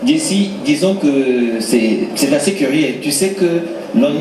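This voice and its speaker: A man giving live commentary on an election in deliberate, analytical phrasing. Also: a little high, lively intonation, echoey room, recorded from a distance, noisy background. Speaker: news commentator.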